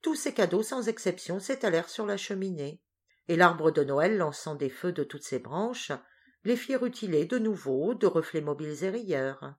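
Woman with a lowish voice reading a story out loud, expressive and lively. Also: normal speed, slightly rough. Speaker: narrator. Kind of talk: scripted narration of a novel.

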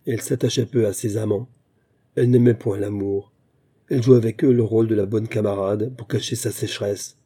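A man narrating a novel as an audiobook in a measured, literary manner. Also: lowish voice, steady tone, warm tone, slightly rough.

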